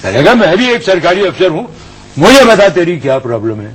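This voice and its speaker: An actor playing a swaggering, middle-aged senior customs officer who tells a comic anecdote in character, acting out both sides of the quarrel. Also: male voice, a little high, sing-song, poor audio. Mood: boastful mocking.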